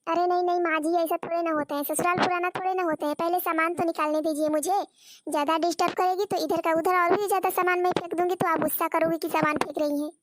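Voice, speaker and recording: A woman's voice: extremely high pitch, steady tone, fast, background noise. A woman voicing a stubborn, scatterbrained young daughter-in-law in a cartoon story, chatty and insistent. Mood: explaining. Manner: chatty, insistent, explaining at length. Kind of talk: Hindi cartoon story voice acting.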